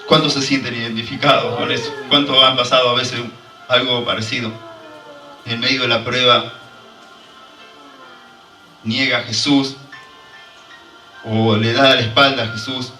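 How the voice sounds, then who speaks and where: A man's voice: medium pitch, flat delivery, a little slow, pauses often, bright, forceful tone, reverberant, distant mic, faint music behind, low-quality recording. A man preaching a fervent sermon and drawing call-and-response from the congregation. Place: church hall.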